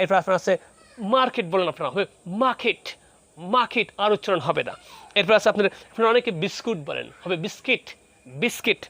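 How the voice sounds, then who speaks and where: A man's voice: high voice, a bit bright, no room sound. A man with a Bangladeshi accent teaching English pronunciation, explaining step by step, repeating words and checking with "okay?". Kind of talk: recorded pronunciation lesson.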